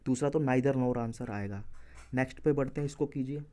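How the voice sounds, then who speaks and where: A man teaches exam reasoning one step at a time and stops to correct himself when he slips. His voice is mellow and warm, at an ordinary middle pitch. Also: moderate pace. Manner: explains step by step, corrects himself mid-solution. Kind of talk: exam-prep lesson walking through answers.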